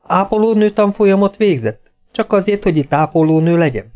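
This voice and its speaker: A man's voice: high voice, expressive, mellow, muffled recording, soft background music, pitched above the performer's own voice. A man reading aloud voices a frank, direct young woman posing as an archduchess. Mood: questioning. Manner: frank and direct, stammers when flustered.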